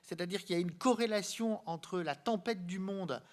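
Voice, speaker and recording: The speaker is a man with a high voice explaining art history live to the people in front of him. Words come haltingly, and he repeats himself frequently while searching.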